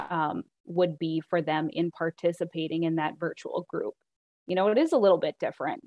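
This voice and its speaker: A woman's voice: lowish voice, a little mellow, no echo. A woman on a virtual panel, talking earnestly and practically about running groups, with frequent "really" and "you know". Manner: earnest, practical, repeats 'really' and 'you know'. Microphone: video call.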